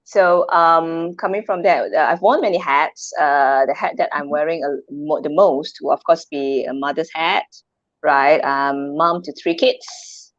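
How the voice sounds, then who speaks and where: A chatty Malaysian woman in her thirties talks easily as a guest on a video call in a casual chat, laughing often and tossing out rhetorical questions. Her slightly low voice sounds dry and dull, like a lo-fi line, with no echo. She speaks a little slowly with fairly even intonation.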